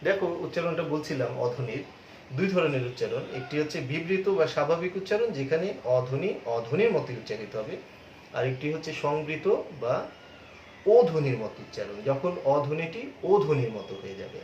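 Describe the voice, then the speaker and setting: A man's voice: a little high, dark tone. Patient man teaching in an echoey room. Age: middle-aged. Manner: patient, explanatory, repeats key terms and example words. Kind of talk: classroom grammar lecture. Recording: muffled, echoey room with faint hum.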